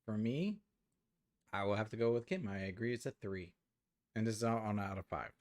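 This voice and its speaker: A man's voice: on the low side, a little fast, darkish tone. A man hosting a casual watch-party chat, easygoing, leading the talk and asking others for their ratings. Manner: easygoing, leads the discussion and asks for ratings. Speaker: host.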